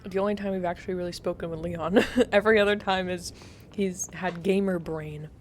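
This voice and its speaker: A woman's voice: lowish voice, fairly even intonation, brisk, a little hiss or hum. A woman giving casual live commentary while playing a game for her stream, giggling often and chatting to her viewers.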